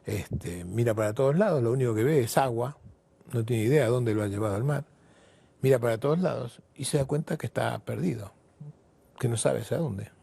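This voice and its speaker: Gravelly storyteller man. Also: mid-range voice, no room sound. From Argentina. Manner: expressive storyteller, emphatic pauses. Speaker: guest, therapist and writer. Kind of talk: storytelling in an interview.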